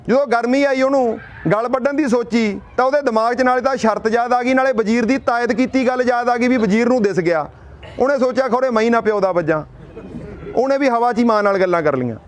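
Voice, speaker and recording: A young man addressing a gathering in a rousing speech, asking and answering his own rhetorical questions and telling a folk tale. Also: very high-pitched. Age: young adult.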